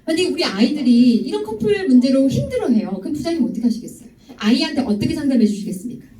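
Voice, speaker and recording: Young female youth preacher, high lively voice, distant and echoey. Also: rapid-fire. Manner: lively, teasing, asks students directly. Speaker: youth ministry speaker. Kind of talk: youth sermon with stories. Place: church hall. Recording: echoey hall, voice from far off.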